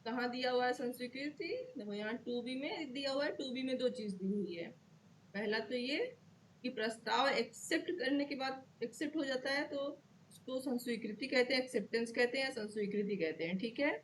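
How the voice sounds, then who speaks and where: Woman law tutor, fairly high voice, patient step-by-step lecture, keeps checking "okay". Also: normal speed, slight background noise. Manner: checks in often with "okay", repeats key terms. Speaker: law teacher. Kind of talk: explanatory lecture to students.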